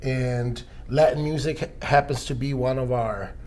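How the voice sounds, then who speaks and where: A man's voice: medium pitch, steady tone, unhurried, a little mellow, a little hiss or hum. A man in his forties from Costa Rica, a DJ being interviewed, talking casually with many restarts and fillers.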